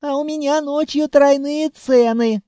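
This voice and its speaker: Give me a man playing a squealing, panicky male shopkeeper, high and far-off sounding. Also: steady tone, measured pace, mellow, no room sound, studio quality. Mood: wheedling. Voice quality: squealing, shrill. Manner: screaming for help in panic.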